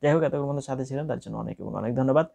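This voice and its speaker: A man's voice: medium pitch, racing, creaky, mellow. A young adult man with a Bangladeshi accent, teaching an English speaking test and switching often into English phrases. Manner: explaining with many English phrases mixed in. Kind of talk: spoken lesson to camera.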